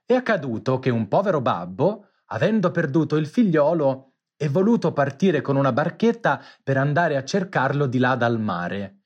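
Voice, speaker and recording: A man voicing an old woman in a storybook reading, speaking slowly and gravely. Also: mid-range voice, big pitch swings, muffled recording.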